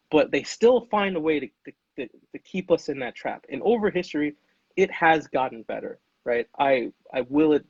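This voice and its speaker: A man talks in a husky, slightly breathy voice, earnest and emphatic, tagging his points with "right?". The sound is dry and close, with a somewhat dull, lo-fi tone to the recording. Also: on the high side, dry recording. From United States. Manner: emphatic, keeps checking in with "right?" and calls the listener "dude". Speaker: podcast guest. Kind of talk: earnest conversational monologue.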